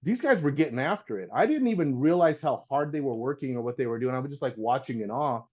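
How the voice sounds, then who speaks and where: Animated middle-aged man telling a story. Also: medium pitch, fast, dull audio. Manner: animated storyteller, acts out voices, says "man" and "dude". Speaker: guest, house painter. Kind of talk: casual storytelling.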